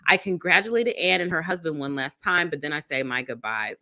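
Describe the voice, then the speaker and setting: A woman's voice: sits low, a little fast, sharp tone. A woman streaming live, reading an online post aloud and reacting to it with emphatic, outraged commentary and frequent laughter.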